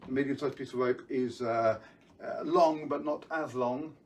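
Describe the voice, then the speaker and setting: A man's voice: mid-range voice, moderate pace, far from the mic. A man hosting a live online magic show from home, chatting casually and greeting viewers by name. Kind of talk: casual live-stream chat.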